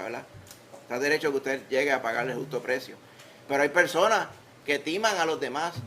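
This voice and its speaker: Puerto Rican pastor with gravelly voice. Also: male voice, mid-range voice, sharp tone, a little hiss or hum. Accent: Puerto Rican Spanish. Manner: conversational preaching with humor and rhetorical questions. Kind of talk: sermon. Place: church sanctuary.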